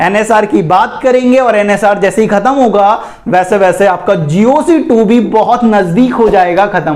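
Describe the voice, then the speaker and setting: His voice sits high as this man from India gives a chatty exam-prep chemistry lecture, calling students "beta" and "bhai." He keeps checking in, repeating "theek hai" and "ye dhyan rakhen" again and again.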